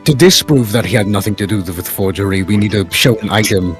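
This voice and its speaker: A man's voice: on the low side, brisk, faint music behind. A man in casual gaming chat, thinking aloud and correcting himself.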